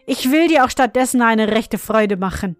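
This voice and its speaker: A woman voicing an odd old godfather and clockmaker, who chants a rasping, monotone clock song and speaks gruffly. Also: a little high, normal speed, no echo, faint music behind, close to an everyday voice. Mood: coaxing. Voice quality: rasping, monotone when singing.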